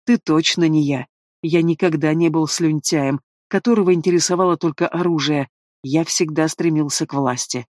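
A cursed dragon king spits out bitter, mocking lines in a wheezing voice, as read by a male narrator. He is dying and full of spite. The voice sits fairly high for a man, and the read is close and dry. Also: normal speed, a little mellow, no echo, natural voice.

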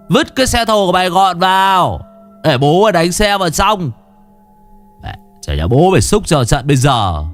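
A man voicing a hot-tempered young henchman who shouts insults. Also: fairly high pitch, pitched above the performer's own voice. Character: young thuggish male driver, hot-tempered.

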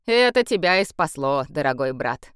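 A woman's voice: deep voice, sing-song, moderate pace, smooth, no room sound, clean studio sound. A woman voicing a possessive male emperor who speaks coldly and commandingly. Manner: cold and commanding. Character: cold, possessive male emperor with a beastly temper. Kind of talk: audiobook character voice.

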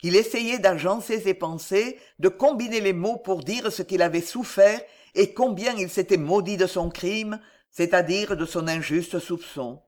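Male audiobook narrator, high voice, slow and deliberate, expressive dramatic reading with long pauses. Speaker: audiobook reader. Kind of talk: dramatic reading of a classic novel.

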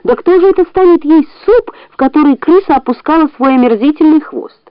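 A woman voicing a shrill, disgusted farmer's wife in a storybook reading, with a horrified, high-pitched manner. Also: a little fast, dry recording, lo-fi sound, natural voice.

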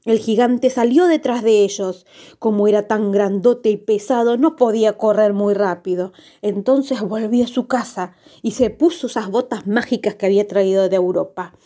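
A woman storyteller reading a children's tale for the radio. Her voice is mellow and slightly high, and she tells the story gently and expressively.

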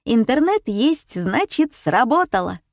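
A woman reading an audiobook and voicing a frightened, impulsive young girl with high, breathless exclamations. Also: very animated, measured pace, dry recording, clean studio sound. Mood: eager.

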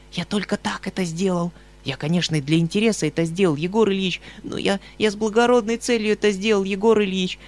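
A man's voice: high-pitched, voice pushed up. A man voicing a cowardly young nobleman who begs and whines, close to tears. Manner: whining, begging.

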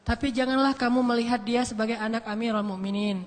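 A man voicing a stern elderly caliph, speaking in a grave, measured and lower voice while retelling a story. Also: steady tone. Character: stern elderly male caliph, firm ruler. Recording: echoey hall.

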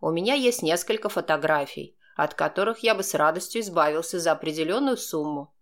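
A woman's voice: low-pitched, expressive, pitched below the performer's own voice. Woman putting on a smug sneering blackmailer man. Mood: mocking. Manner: slow, sneering, coldly composed. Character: smug manipulative blackmailing man, calm and mocking.

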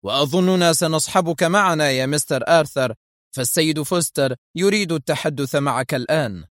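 A man voicing a stern, ruthless male gang leader who gives sharp commands. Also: a little high, brisk, dry recording, clean studio sound, close to an everyday voice.

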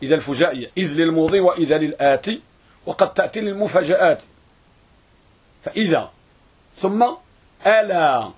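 A man teaching a grammar lesson, who repeats words and draws them out slowly for students to write down. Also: a little high, darkish tone, husky. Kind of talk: classroom lesson.

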